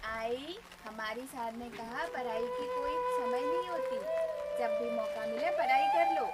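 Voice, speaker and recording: A young woman playing a gentle dutiful daughter. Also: high-pitched, big pitch swings, measured pace, heavy background noise. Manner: gentle, obedient. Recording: music playing underneath.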